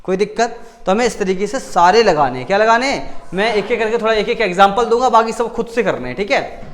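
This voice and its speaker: A man with a high, animated, slightly bright voice teaches chemistry at a brisk clip, chatting casually with the class. He raises questions and supplies the answers himself, repeats key words, and corrects his slips often.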